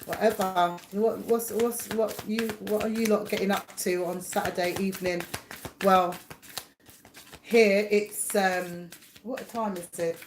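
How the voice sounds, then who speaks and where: A woman's voice: mid-range voice, fairly even intonation, measured pace, slight background noise. A chatty middle-aged woman hosts a casual live chat from her home, talking to viewers. She rambles, laughs often and greets people by name. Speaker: livestream host and psychic reader. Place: home, indoors.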